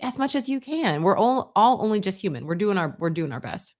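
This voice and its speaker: A woman's voice: medium pitch, very animated, a little fast, a little mellow. A woman co-hosting a radio show, chatting casually and giving her opinions frankly and with animation. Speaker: radio co-host.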